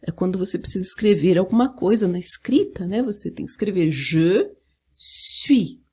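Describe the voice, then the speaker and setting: A woman's voice: mid-range voice, warm tone, husky. A woman giving an online lesson on French pronunciation, patiently explaining and often checking in with the listener. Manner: patient, explaining slowly with frequent "né?". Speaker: French teacher.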